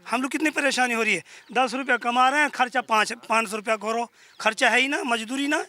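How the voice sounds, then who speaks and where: Villager man, Mewati accent, sharp high voice, earnest complaints. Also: a little fast. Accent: Mewati Haryanvi. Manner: earnest, aggrieved, rustic dialect speech. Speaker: villager interviewee. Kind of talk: complaining interview answers. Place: outdoors in a village.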